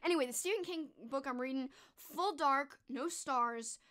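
Speaking at a normal speed with a fairly bright tone, a young woman who streams reviews of books and movies talks eagerly, peppering her casual chat with "like." Her high voice is hoarse, croaky and strained, cracking and fading away. She's indoors in a small bedroom with posters, right up on a large studio mic.

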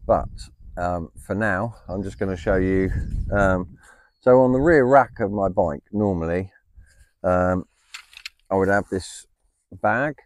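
A man's voice: low voice, darkish tone, dry recording. A man chatting casually through a vlog outdoors in the countryside, rambling with lots of ums. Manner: rambling, many ums and essentially. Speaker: vlogger. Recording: outdoor recording with clear background noise.

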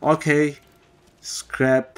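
A man's voice: on the high side, flat delivery, measured pace, smooth. A man giving casual let's-play commentary and explaining each step to his viewers. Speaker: gamer.

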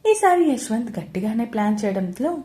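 Warm woman narrating a romance serial. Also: a little high, brisk. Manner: steady, expressive read-aloud narration. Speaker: storyteller.

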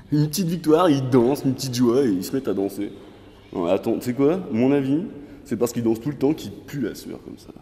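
A man's voice: medium pitch, lively intonation, brisk, dark tone, long reverb tail, natural voice. A young man playing an arrogant, condescending lead actor on a film set, in a large warehouse. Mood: smug. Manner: smug, condescending.

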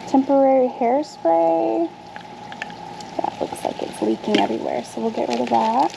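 Outdoors on a backyard patio, a thirty-something vlogger chats to the camera and talks herself through sorting the things she pulled from a dumpster. She speaks at a normal speed in a high, gravelly voice over a lot of background noise.

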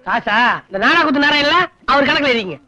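An actor playing a penniless, cheeky small-town man who bluffs and complains loudly in a film comedy scene. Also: extremely high pitch, expressive, fast talker, heavily acted. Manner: loud, whiny, comically exaggerated complaining. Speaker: comic lead in a film scene. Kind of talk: Tamil film comedy acting. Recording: slightly dull film soundtrack with music.

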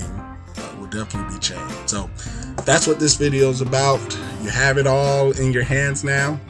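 A man hosting a casual piano lesson, talking energetically and checking in with viewers with "okay?" as he explains. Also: medium pitch. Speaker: piano teacher and host.

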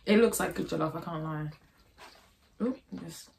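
A young woman co-hosting an eating video, chatting casually and excitably while she eats. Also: low-pitched, gravelly, a little hiss or hum. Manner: excitable, quick to gasp and laugh. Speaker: co-host of an eating channel.

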